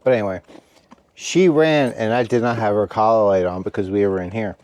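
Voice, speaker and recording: A tired, relaxed man chatting casually to his viewers from inside a heated tent at night, rambling and stopping to talk to his dog. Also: lowish voice, brisk, a little hiss or hum. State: tired after a meal. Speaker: camping vlogger. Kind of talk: casual vlog chat.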